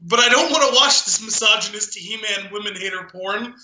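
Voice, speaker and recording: Brisk and sharp-toned, this high male voice belongs to a podcast co-host who keeps laughing as he reads a poem with dramatic flair between bits of casual chat. The sound is reverberant and the recording quality is poor.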